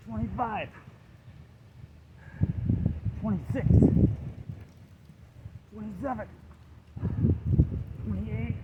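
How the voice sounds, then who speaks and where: A man's voice: high voice, dull audio. A man in his sixties doing push-ups, out of breath and straining as he coaches and counts along casually. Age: 60s. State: out of breath from exertion. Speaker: fitness instructor demonstrating exercise. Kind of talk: casual workout coaching to camera. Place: outdoors in a park. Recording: noisy outdoor recording with traffic.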